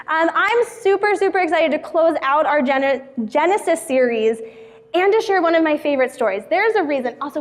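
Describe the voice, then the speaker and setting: A young woman pastor telling a funny personal story in a casual sermon to a church group. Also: sits high. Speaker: youth pastor. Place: church hall. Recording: hall reverb.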